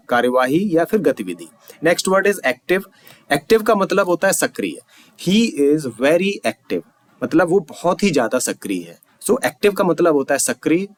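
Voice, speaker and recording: A man with an Indian accent teaching English vocabulary, saying example sentences slowly and clearly, then explaining more quickly. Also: on the high side, no echo. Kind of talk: Hindi-English vocabulary lesson.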